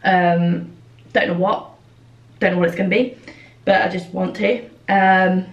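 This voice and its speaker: Young woman, twenties, casual makeup chat, lots of fillers, lowish voice, distant mic in a roomy space. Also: steady tone, a little slow, dull audio. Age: 20s. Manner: chatty, with frequent fillers. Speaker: vlogger.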